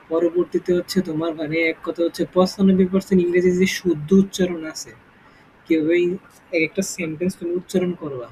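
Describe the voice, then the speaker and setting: Male tutor, high voice, slow and patient, checks understanding often, faint background noise. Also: darkish tone, rough recording. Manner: explains slowly, with many check-ins to the student. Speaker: English teacher. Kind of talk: informal spoken lesson.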